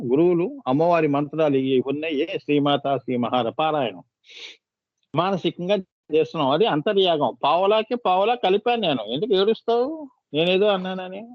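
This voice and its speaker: High-voiced man giving a spiritual talk. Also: dry recording, highs cut off. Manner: rhetorical questions to listeners, coaxing and scolding. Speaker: spiritual teacher. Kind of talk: devotional discourse.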